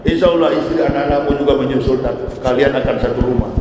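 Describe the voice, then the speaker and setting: A male preacher voicing a gentle angel who softly wakes the dead, speaking in a hushed, coaxing way. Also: medium pitch, fairly even intonation, fast talker, recorded from a distance, background noise, voice pushed down, close to an everyday voice. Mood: tender. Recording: echoey hall with long reverb.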